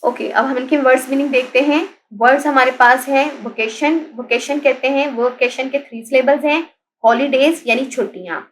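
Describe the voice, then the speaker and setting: High-voiced woman teacher. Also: steady tone, moderate pace, rough recording. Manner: patient, spells words out letter by letter and repeats them; mixes English terms into explanations. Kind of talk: classroom lesson recorded as video.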